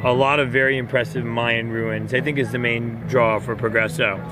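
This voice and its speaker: With music playing in the noisy background, an upbeat man acting as cruise director reads questions aloud in a casual Q&A chat. He speaks conversationally at a moderate pace and medium pitch, with little pitch movement.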